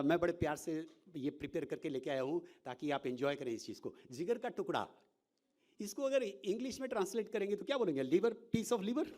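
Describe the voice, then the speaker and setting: A male professor giving an informal lecture, animated and often checking in with rhetorical questions, mixing English words into his speech. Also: high-pitched.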